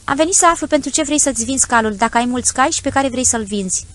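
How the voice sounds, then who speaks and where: A woman's voice: sits high, a bit bright. A woman voicing a stern young male landowner who speaks dry, curt and severe in an audiobook story.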